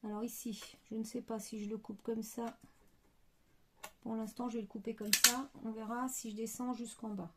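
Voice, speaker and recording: A woman's voice: fairly high pitch, level tone, moderate pace, noisy background. A woman hosting a card-making tutorial, thinking aloud with many hesitations. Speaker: crafting tutorial host.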